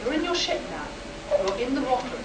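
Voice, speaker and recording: A woman's voice: sits high, lively intonation, fairly quick. Lady doing a cool clinical psychiatrist in a sci-fi radio play, authoritative questions, echoey noisy room. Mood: commanding. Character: skeptical, clinical female army psychiatrist. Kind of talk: sci-fi radio play acting, performed live. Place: live performance in a room at a convention. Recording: roomy, distant, noisy live convention stage recording.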